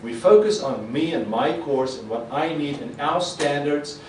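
A conference presenter whose first language is Afrikaans lectures in an echoey hall with a projector screen, using a podium mic that sits a bit far away. His voice is on the high side and measured in pace, with a little hiss or hum. He is animated, gestures a lot, and acts out quoted reactions.

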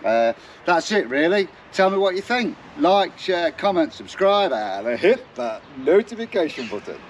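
A man's voice: fairly high pitch, big pitch swings, a little slow, a little hiss or hum. A man in his forties with a broad Derbyshire accent from the East Midlands, chatting casually to camera in a jokey, slangy way. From Derbyshire, England. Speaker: vlogger presenting a bike restoration. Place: mostly outdoors in a garden, some in a wooden shed workshop.

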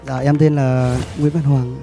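A man's voice: medium pitch, flat delivery, a little slow, dark tone. A young man, a contestant and freelance singer, introducing himself with polite, formal greetings. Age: young adult. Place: TV studio.

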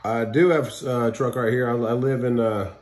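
A woman's voice: extremely low pitch, steady tone, a little fast, over music. A woman chatting casually in a home vlog, laughing at herself, filmed on a handheld phone in her car, yard and house. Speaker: vlogger, trucking dispatcher wife. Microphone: handheld phone camera. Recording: noisy phone recording.

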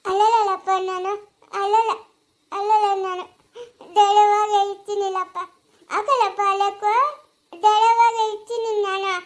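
In a family skit, a woman plays a simple-minded young daughter, using an extremely high, lisping, childlike voice. She pleads earnestly but delivers her lines flatly and unhurriedly, pausing often.

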